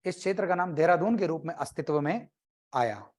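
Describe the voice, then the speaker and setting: A man's voice: fairly high pitch, lively intonation, a little fast, a little mellow. A man teaching an exam-prep class, talking conversationally, quizzing his students and cracking jokes.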